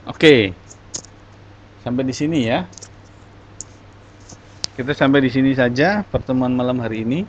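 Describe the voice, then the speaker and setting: A man teaching a class, encouraging and patient as he explains things step by step. His voice sits at an ordinary middle pitch. The recording is dull and lo-fi, with a faint hiss behind him. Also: a little slow, pauses often. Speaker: English teacher. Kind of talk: online class talk.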